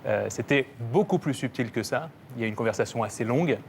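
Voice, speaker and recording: A man speaking as a talk-show guest, measured and insistent, careful to set the record straight. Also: mid-range voice, gravelly, slight background noise. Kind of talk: earnest talk-show exchange.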